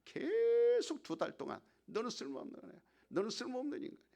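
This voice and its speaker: Male preacher doing the devil: a taunting, accusing male tempter, raised voice with a gravelly edge. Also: very high-pitched, huge pitch swings, fast, mellow, pitched above the performer's own voice, full character voice. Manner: hectoring, repeats accusations.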